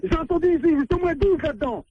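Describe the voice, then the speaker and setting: A man's voice: very high voice, animated, fast talker, no room sound. A man who is being pranked, angrily ordering the caller out and repeating himself. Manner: angry, insistent, repeating himself. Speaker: prank call victim, landlord. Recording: muffled dry phone line.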